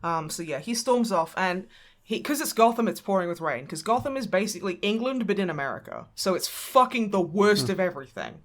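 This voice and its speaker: A woman co-hosting a podcast, recapping a film in an animated, sweary, emotional way. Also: medium pitch, fairly quick. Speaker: podcast co-host. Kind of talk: casual chat.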